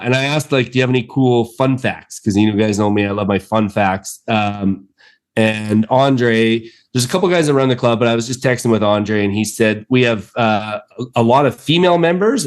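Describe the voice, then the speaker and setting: An enthusiastic man chatting as a podcast co-host, rambling along with fillers and quick restarts. His voice sits at an ordinary middle pitch for a man. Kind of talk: casual chat.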